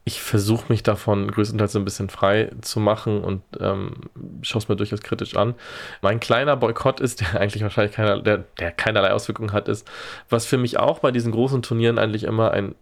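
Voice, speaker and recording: A man's voice: fairly low pitch, fairly even intonation, a little fast, creaky. A man talking casually on a podcast, wry and exasperated, using dry gallows humor. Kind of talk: casual chat.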